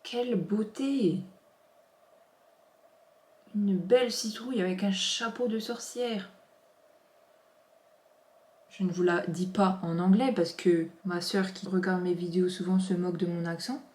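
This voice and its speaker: A woman's voice: fairly low pitch, measured pace, pauses often, darkish tone. A woman in her thirties chatting casually as she unboxes parcels, gushing with many exclamations. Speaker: vlogger. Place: home office. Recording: roomy echo.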